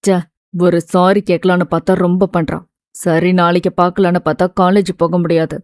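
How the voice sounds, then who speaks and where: A woman voicing an impulsive young man, blunt and rough-spoken, in a dry, close audiobook recording. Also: on the low side, flat delivery, brisk, a little mellow, dry recording, voice pushed down, natural voice. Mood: irritated.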